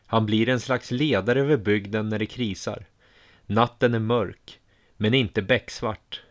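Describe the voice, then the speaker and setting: A man narrating a first-person audiobook story in a calm, measured way. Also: fairly low pitch.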